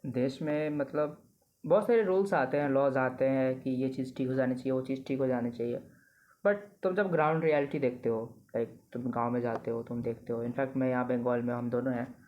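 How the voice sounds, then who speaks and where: A man's voice: medium pitch, a little fast. A young man from Bihar hosting a casual interview, speaking reflectively and mixing in English fillers. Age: young adult. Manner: reflective, mixes English filler words into Hindi. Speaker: host, interviewer. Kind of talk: casual conversation. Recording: dull lo-fi audio.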